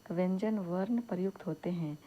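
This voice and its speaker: A woman teaching an exam-prep grammar lesson, saying each example word slowly and then repeating it. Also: on the low side, lo-fi sound.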